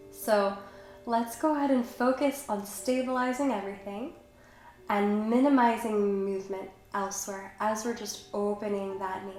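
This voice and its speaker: A young woman with a slight cold, sounding a bit stuffy, leads a Pilates workout in a medium-pitched voice, doing the moves herself as she talks. She stays calm and encouraging, and the room is very echoey with faint background noise.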